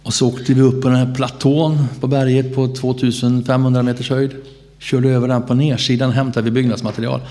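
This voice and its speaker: A man telling his personal faith testimony as a preacher, acting out the dialogue of the people in his story and laughing now and then. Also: medium pitch. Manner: animated storyteller who laughs and acts out dialogue.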